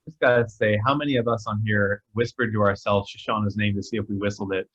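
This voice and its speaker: A man with a somewhat low voice speaks as a panelist. His delivery is casual and conversational, qualifying points as he goes. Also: steady tone, fast, lo-fi sound, noisy background.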